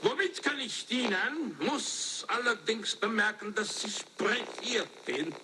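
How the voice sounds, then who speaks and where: A man voicing a pompous, hurried male majordomo from an opera, reading the lines in shifting put-on accents on a noisy archival recording. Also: high voice, big pitch swings. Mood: haughty.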